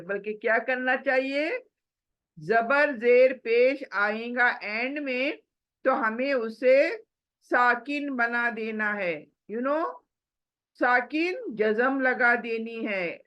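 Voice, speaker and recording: A woman gives a recitation lesson at a very slow, deliberate pace. She speaks patiently and repeats and stretches words to show how they should sound. Her fairly high voice comes through a dull, lo-fi recording. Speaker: Quran recitation teacher.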